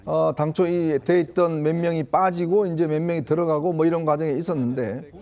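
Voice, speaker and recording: A man giving political analysis on a talk show, explaining at length in a measured way. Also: a little high, fairly even intonation, warm tone. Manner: explanatory, measured, with small laughs. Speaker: political commentator.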